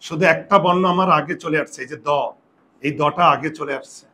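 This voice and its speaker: A man's voice: fairly high pitch, a little fast, pushed and bright. A man, a grammar teacher, explains pronunciation rules to his class and keeps asking them questions.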